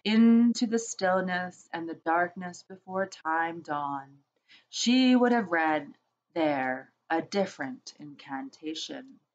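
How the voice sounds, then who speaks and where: A woman voicing a great, calm and wise male lion who speaks slowly and gravely. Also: fairly low pitch, muffled recording. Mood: solemn. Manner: slow, solemn and grave.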